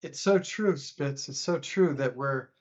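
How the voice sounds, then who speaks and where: A man speaks as a guest on a podcast, earnest and halting, frequently restarting his sentences during a casual political debate. His voice sits in the mid range, and the sound quality is lo-fi.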